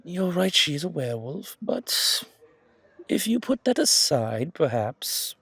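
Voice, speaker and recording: Speaking with an exaggerated, fairly high-pitched voice that is husky and creaky, a man performs an effusive, flirtatious, flattering museum curator for a roleplay audio drama. He's genteel and gushing, pausing hesitantly and repeating words, with no room sound. The tone is gushing and eager.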